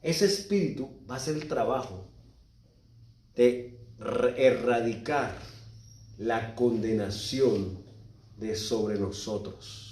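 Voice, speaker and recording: A man with a Colombian Spanish accent preaching a sermon as pastor, swinging between loud exhortation and quiet low asides. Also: far from the mic. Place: church. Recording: echoey church hall, speaker off-mic at times.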